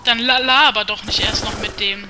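Woman, casual let's play commentary, mid-pitched voice, clear game noise behind. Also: fairly even intonation, normal speed. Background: video game sounds.

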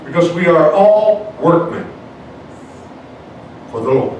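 A man preaching as a pastor, punctuating his lines with "amen" and calls to the church. He swings between soft, low passages and shouted, high climaxes. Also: very animated, slow pace. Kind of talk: evangelical sermon. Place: church sanctuary, indoors. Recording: echoey church sound from far off, faint noise.

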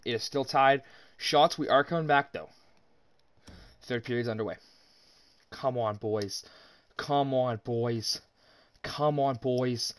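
Young male gaming commentator, excitable and profane, close dry mic. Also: medium pitch, slow pace, long pauses, clear, resonant tone, no room sound. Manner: excited, swears, talks to viewers as "boys". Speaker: gaming YouTuber. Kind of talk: casual game commentary.

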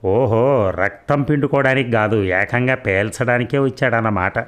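A man's voice: on the low side, steady tone, normal speed, natural voice. Man putting on a scolding older wife. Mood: scolding, worried. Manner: sarcastic, scolding. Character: sharp-tongued anxious older housewife.

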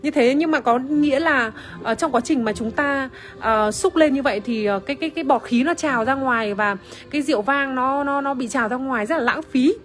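Her voice sits high and brisk with few pauses as she casually presents wine on a livestream recorded with an iPhone camera. She fills her chat with fillers and greets viewers by name.

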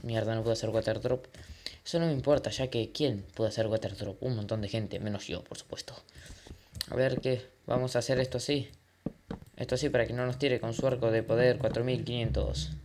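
Man, gaming channel host, casual gameplay commentary, excitable, mumbles then bursts out loud, swears, english exclamations, mid pitch. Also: background noise.

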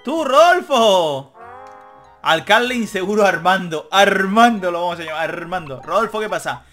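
A young man with a high, sharp voice delivers joking let's-play commentary at a moderate pace, reading the game's text aloud and casually swearing. He's a gaming YouTuber, and faint game music can be heard behind him.

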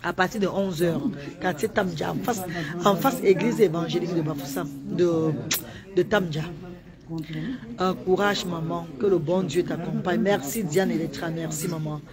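A woman's voice: fairly low pitch, fairly even intonation, moderate pace, over a noisy crowd. A woman chatting live to viewers, reading out greetings and answering questions insistently. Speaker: live streamer. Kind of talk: casual live-stream chat.

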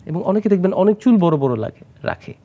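This male plastic surgeon from Bangladesh speaks high-pitched, brisk and very animated, his tone dark. Guesting on a studio health show, he explains treatments, slips in English medical terminology, and asks the host questions of his own.

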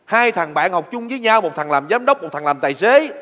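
A man's voice: sits high, very animated, fairly quick, pushed and bright, full character voice. An actor playing a stubborn driver who keeps listing old favors to his boss friend, in a live stage comedy sketch. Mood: lecturing. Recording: reverberant hall with music.

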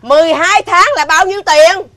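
A woman with a Southern Vietnamese accent playing a shrill, nagging foster mother who scolds a lazy boy and often shouts. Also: normal speed. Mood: lecturing. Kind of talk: comedy sketch acting.

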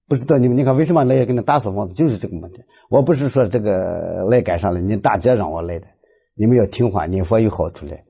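A man's voice: fairly low pitch, fast talker, creaky, dark tone, breathy edge. A man giving a storytelling Buddhist talk, animatedly acting out the dialogue of his stories. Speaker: lay Buddhist speaker.

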